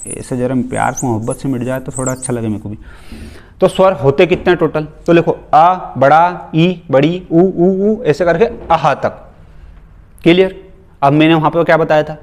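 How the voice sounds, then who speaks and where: A man with a somewhat high-pitched voice teaches grammar in a loose, chatty exam-prep lecture. He keeps asking his students questions and answering them himself. He drifts into teasing, joking asides along the way. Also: a little mellow.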